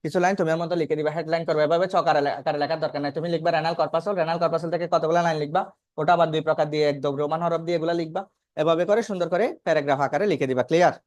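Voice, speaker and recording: In this classroom lecture, a fairly high-voiced man keeps a steady tone and speaks very fast with no room sound. Teaching biology, he asks questions, supplies the answers himself, and hammers key terms through repetition.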